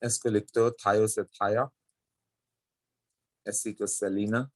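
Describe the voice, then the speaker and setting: A male chemistry teacher gives a lecture in an unhurried, deliberate way, his voice sitting on the low side. He walks through each step and keeps checking that his students follow. The sound is dry and close, with little room around it. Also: little pitch movement, dry recording. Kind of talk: classroom lecture.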